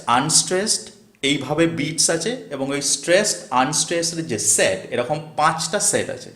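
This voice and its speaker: A man's voice: a little high, fairly bright tone, echoey room. A male teacher, lecturing step by step and chanting lines with heavy stress. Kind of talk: classroom lecture on poetry meter.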